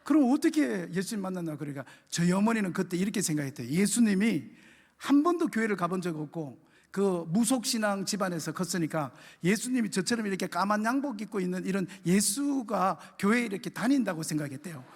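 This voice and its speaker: A man's voice: sits high, a little fast, in a large hall. A male pastor, telling a story in a sermon and acting out the dialogue. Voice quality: animated storytelling with acted dialogue. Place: church.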